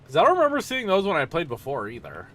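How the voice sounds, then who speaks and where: A man's voice: on the high side, wildly swooping pitch, fast talker, fairly bright tone. A tired man casually commenting on a driving game as he plays, rambling and yawning with lots of fillers. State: sleepy. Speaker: streamer.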